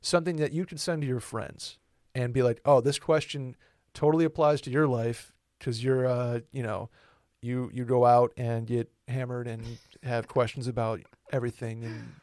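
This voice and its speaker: A man's voice: mid-range voice, flat delivery, moderate pace, few pauses, a little mellow, no room sound, studio quality. A man in his twenties co-hosting a podcast in loose, casual chat that often backtracks and corrects itself. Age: 20s. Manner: loose, rambling, self-correcting. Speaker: podcast co-host.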